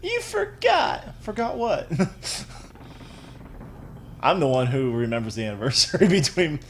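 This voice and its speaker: Lively, laughing man streaming a game. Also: medium pitch, measured pace, slight background noise. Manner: laughs often, excitable, swings from quiet to loud. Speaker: livestream gamer. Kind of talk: casual gaming chat.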